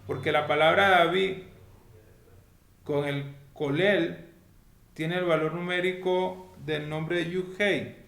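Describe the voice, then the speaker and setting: Man, Torah teacher, gravelly voice, echoey room, faint background noise. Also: on the high side, fairly even intonation, slow pace, long pauses, a bit bright. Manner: didactic, asks listeners if they follow. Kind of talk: explaining a weekly Torah lesson.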